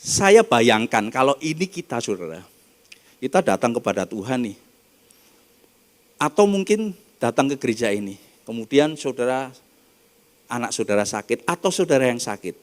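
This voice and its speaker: A man with an Indonesian accent preaching a sermon in church, acting out the people in the story with sudden loud and soft turns. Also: very animated, normal speed, pauses often. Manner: dramatic, acts out quoted voices with big swings in pitch and loudness. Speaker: pastor.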